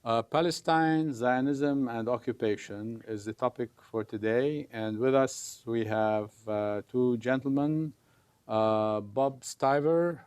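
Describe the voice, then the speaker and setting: A man who is a professor and hosts a TV talk show, speaking deliberately with frequent hesitations. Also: medium pitch, darkish tone, clean tone, no echo. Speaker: host, professor.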